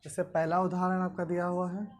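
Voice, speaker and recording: A man's voice: sits high, level tone, a little fast, a little mellow. A male teacher explaining grammar rules step by step, asking questions aloud and answering them himself. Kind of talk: classroom grammar lesson.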